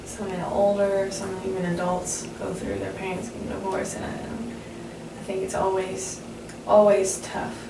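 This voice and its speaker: A woman speaking as a counselor in a conversational role-play, measured and reassuring as she asks questions. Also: mid-range voice, monotone, creaky. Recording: echoey, distant, noisy room recording.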